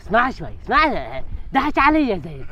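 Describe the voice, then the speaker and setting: A man's voice: extremely high pitch, sing-song, a little fast, pushed and bright, a little hiss or hum, exaggerated voice. A man playing a henpecked village husband thrown out by his two wives, complaining dramatically in a comic sketch. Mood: pleading. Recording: dull lo-fi sound.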